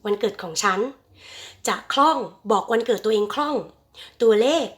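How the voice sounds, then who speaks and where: Woman teacher, drilling English words with slow stretched repetition, calls students children. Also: a little high, animated. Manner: addresses students fondly as children. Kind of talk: bilingual classroom lesson.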